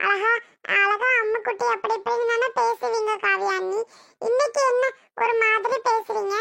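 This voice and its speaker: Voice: very high voice, fairly even intonation, moderate pace, vocal fry, sharp tone, dry recording, heavily acted. A voice actor playing a meek, hurt younger sister-in-law in a cartoon, speaking with a Tirunelveli Tamil accent. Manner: meek, hesitant. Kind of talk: cartoon voice acting.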